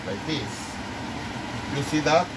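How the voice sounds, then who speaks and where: A man's voice: on the high side, expressive. Man cooking in a humming kitchen. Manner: halting non-native English with many restarts. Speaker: home cook. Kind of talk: casual cooking demonstration. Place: small home kitchen, indoors. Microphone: camera mic across the kitchen. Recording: home kitchen with clear background hum.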